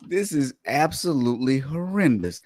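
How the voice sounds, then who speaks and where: A man's voice: a little high, no echo. A man hosting a podcast in casual chat, heard over a glitchy, warbling online call connection. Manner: chatty storyteller, animated delivery. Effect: glitchy, warbling online call audio. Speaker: podcast host. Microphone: remote call connection.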